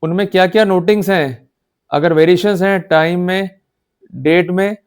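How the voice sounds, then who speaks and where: His high-pitched voice is clear and resonant, with fairly even intonation and a moderate pace, as this Indian-accented man explains law in Hindi sprinkled with English legal vocabulary. He teaches didactically and emphatically, regularly checking with short questions that listeners are keeping up.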